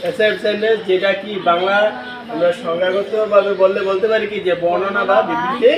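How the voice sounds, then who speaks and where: A crowd can be heard behind a high-pitched man teaching a class in call-and-response fashion, his pitch barely shifting and his pace fairly quick. He asks the class questions and spells out words letter by letter, in an echoey classroom captured from afar.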